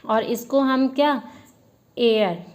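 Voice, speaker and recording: Woman teacher, fairly high voice, asks and answers her own questions, repeats key words. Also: slow pace. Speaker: English grammar teacher. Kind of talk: explaining a lesson to students.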